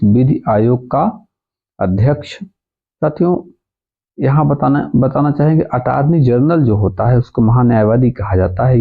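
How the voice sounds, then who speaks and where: Gravelly-voiced man teaching exam prep. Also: medium pitch. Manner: addresses students as friends, repeats key answers. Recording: tinny phone-like audio.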